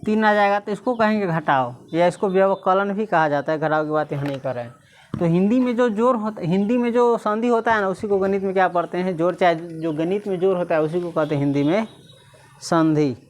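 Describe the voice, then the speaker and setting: A woman teacher, reading Sanskrit slowly syllable by syllable and quizzing the class again and again. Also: on the low side, a little mellow, slight background noise. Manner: repeatedly quizzes listeners, slow syllable-by-syllable reading.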